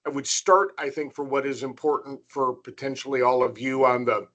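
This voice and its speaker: An American man presents as a panelist on an online call. His voice is crisp-edged and bright at an average male pitch. He explains informally and in a measured way, restarting phrases as he goes. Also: steady tone, highs cut off. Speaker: panelist, political analyst. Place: online video meeting.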